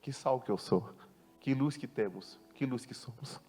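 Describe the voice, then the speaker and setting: A man pastor preaching a sermon, emphatic and full of rhetorical questions, swinging from loud to hushed. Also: mid-range voice, moderate pace, breathy edge, long reverb tail, soft background music. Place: church.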